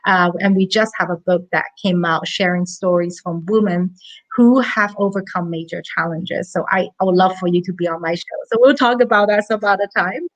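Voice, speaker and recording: A woman's voice: fairly low pitch, normal speed, low-quality recording. Earnest woman from Hong Kong. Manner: earnest, chatty, with light laughs. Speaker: guest, money coach. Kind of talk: casual interview storytelling.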